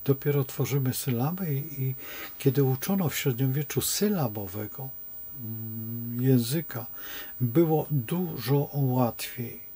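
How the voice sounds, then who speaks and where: A man's voice: mid-range voice, measured pace, dark tone, husky. A man speaking as an astrologer in an unscripted monologue, rambling and digressive as he tells stories.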